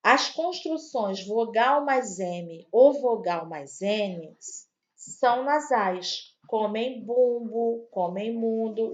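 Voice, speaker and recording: A woman teaching an online grammar lesson to young children, slow and patient, spelling out each word. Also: medium pitch, muffled recording. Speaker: primary school teacher.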